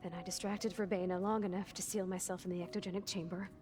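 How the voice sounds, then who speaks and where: An actress voices an anxious, defensive young clone woman for a video game, her wording clipped, formal, and precise. Her natural-sounding voice is fairly low and level, delivered fast in a guarded, subdued mood, with music playing behind her.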